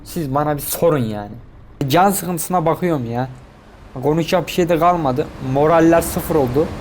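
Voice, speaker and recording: An excitable man with a fairly high voice gives running commentary while he plays, piling up quick repeated words as things happen on screen. Faint game noise hums behind him. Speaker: gaming streamer.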